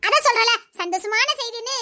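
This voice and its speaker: A woman's voice: extremely high pitch, animated, brisk, sharp tone, full character voice. A woman voicing a young village girl who teases and schemes with her friends. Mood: teasing. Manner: teasing, conspiratorial. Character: scheming teasing village girlfriends, young women.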